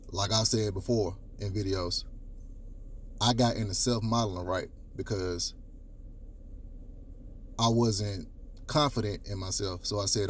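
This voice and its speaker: Deep-voiced man giving blunt dating advice. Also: slight background noise. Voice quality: deep baritone. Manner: coaching, emphatic, repeats points, casual profanity. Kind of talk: direct-to-camera advice talk.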